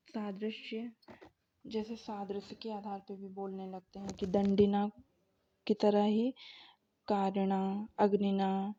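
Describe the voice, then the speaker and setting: Slow, even-toned woman teacher. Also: medium pitch, a little hiss or hum. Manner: slow, deliberate, reading out lists of examples. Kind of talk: exam revision lecture. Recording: dull lo-fi recording.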